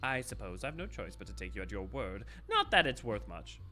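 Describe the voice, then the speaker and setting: Haughty twee villain boss from a game, slow theatrical menace, voice goes up and down loads, sharp. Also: male voice, fairly low pitch, very animated, faint music behind, voice pushed down, heavily acted. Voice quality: twee, affected. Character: pompous, twee, theatrical male villain ringleader, scornful and menacing.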